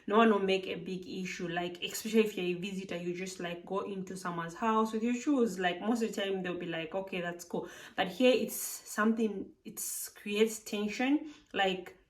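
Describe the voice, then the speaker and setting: A woman's voice: mid-range voice, moderate pace, far from the mic. A woman from Zambia, giving chatty advice in a casual vlog and filling her talk with "like". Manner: chatty, frequent "like" fillers, emphatic. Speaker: vlogger living abroad.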